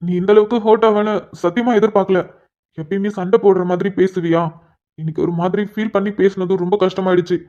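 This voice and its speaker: A shy, tender young husband from a cartoon story, voiced by a woman. He talks softly, apologizes earnestly, then teases his wife with gentle affection. The recording is dull and lo-fi, and the pitch sits in a middle range. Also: fairly even intonation, fast, lightly acted. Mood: pleading. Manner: soft, apologetic then playfully teasing. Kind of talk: cartoon dialogue voice acting.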